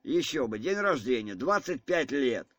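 A man voicing an agitated, insistent elderly general in an audiobook reading, speaking in an excitable manner. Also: medium pitch, moderate pace, dry recording.

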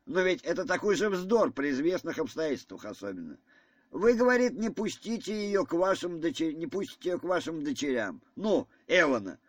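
A man voicing an agitated, insistent elderly general in an audiobook reading, speaking in an excitable manner. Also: on the high side, normal speed, no echo, voice pushed up. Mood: indignant.

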